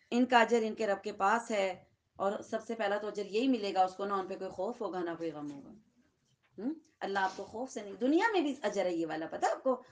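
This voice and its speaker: A woman with a Pakistani Urdu accent giving a Quran lesson to seated listeners, talking conversationally and often asking the room checking questions. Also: a little high. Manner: conversational, asks the audience frequent checking questions. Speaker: Quran teacher.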